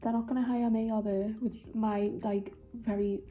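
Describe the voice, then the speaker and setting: A woman's voice: fairly high pitch, flat delivery, moderate pace, mellow, soft background music. A young woman with a Geordie accent chatting in a rambling, self-mocking way while doing her makeup for a vlog. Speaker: beauty vlogger.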